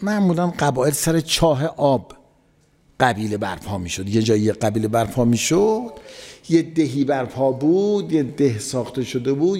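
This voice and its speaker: A man's voice: medium pitch, darkish tone. Preacher man in a reverberant hall. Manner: conversational, repeats phrases for emphasis. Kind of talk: sermon storytelling.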